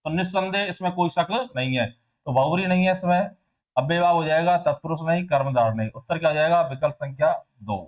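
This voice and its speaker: A man's voice: a little high, fast talker. A male teacher going through test answers, asking questions and answering them himself, and repeating sounds to show how they are said. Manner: repeats sounds and words to demonstrate pronunciation. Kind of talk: exam answer walkthrough lesson.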